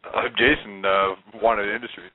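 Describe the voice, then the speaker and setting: A man with a big deep voice guesting on a podcast, giving short dry joking replies. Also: steady tone, normal speed, no echo. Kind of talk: casual chat. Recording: tinny Skype call audio.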